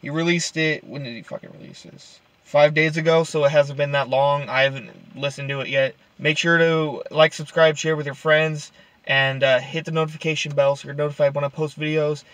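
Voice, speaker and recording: A man's voice: fairly high pitch, flat delivery, normal speed, fairly bright tone, dry recording. A man hosting a reaction video, chatting casually and swearing offhandedly. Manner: laid-back, swears casually. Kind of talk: casual chat.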